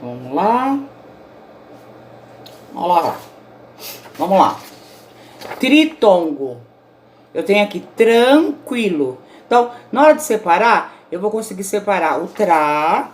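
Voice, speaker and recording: A woman teacher talks through a recorded grammar lesson at a steady, patient pace and keeps checking in with her students. A faint hiss sits under her voice in a home recording. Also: mid-range voice, takes it slowly, long pauses. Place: indoors, self-recorded at home.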